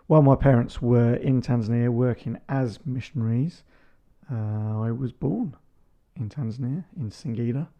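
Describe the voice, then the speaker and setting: A man's voice: medium pitch, normal speed, warm tone, highs cut off. A man in his thirties co-hosting a casual chat podcast with his wife, joking and teasing as he talks. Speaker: podcast co-host.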